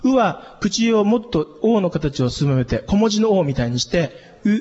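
Sex: man. Pitch: high. Role: worship vocal coach. Style: voice and diction lesson. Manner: patient, sings vowel demonstrations. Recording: long hall reverb. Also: very animated, moderate pace, darkish tone, highs cut off.

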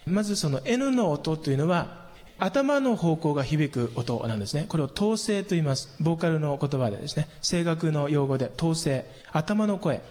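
Man, voice teacher, patient explaining, fairly high voice, long hall reverb. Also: moderate pace. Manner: calm, patient explaining with hummed demonstrations. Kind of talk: singing lesson.

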